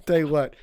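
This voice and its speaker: A man co-hosting a casual podcast, teasing and sarcastic, giggling often. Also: very high voice. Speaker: podcast co-host.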